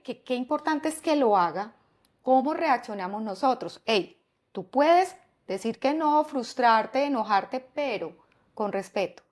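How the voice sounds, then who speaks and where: A woman psychologist, explaining parenting ideas in a podcast interview, often asking rhetorical questions. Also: high voice. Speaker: psychologist and parenting expert guest.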